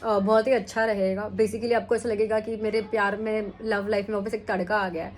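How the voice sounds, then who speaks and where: This young adult tarot reader speaks at medium pitch with little pitch movement and a fairly quick pace, over a slight hiss or hum. Her weekly reading is casual and chatty, blending English with Hindi, with frequent check-ins like "ठीक है?".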